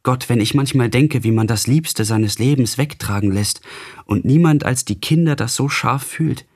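A man voicing a gentle, devout young woman full of grief in a literary radio reading, his voice husky. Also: medium pitch, moderate pace, pitched above the performer's own voice. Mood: tender grieving.

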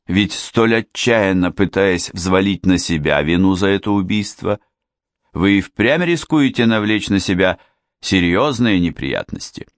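A weary police inspector with a low voice and a dry, ironic manner. A man reads him close to the mic with little room sound. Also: lively intonation, a little slow, dry recording.

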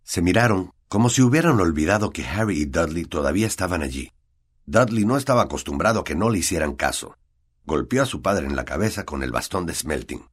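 Deep, husky male audiobook narrator. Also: fairly quick. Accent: Latin American Spanish. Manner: expressive storytelling.

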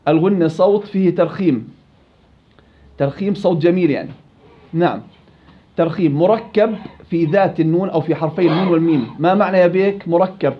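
A man with a Levantine Arabic accent teaching Quran recitation, quizzing students, praising answers and stretching out example words slowly. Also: high voice, highs cut off. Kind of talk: classroom teaching.

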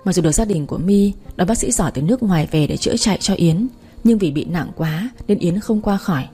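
A woman narrates a read-aloud story in a measured storytelling manner. Her voice sits low and sounds dark and mellow. Faint music runs softly behind her. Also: expressive.

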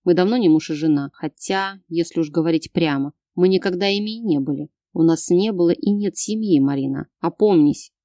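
A woman's voice: fairly low pitch, a little fast, few pauses, warm tone, no echo, clean studio sound, close to an everyday voice. A woman reading an audiobook, voicing a stern young husband who growls clipped commands. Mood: weary.

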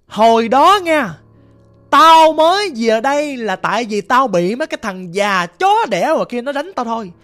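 A man's voice: very high voice, moderate pace, creaky, pauses often, bright, forceful tone, voice pushed up, heavily acted. A man voicing a vicious male spirit possessing an old grandmother, snarling and cursing threats in a storytelling recording. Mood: menacing.

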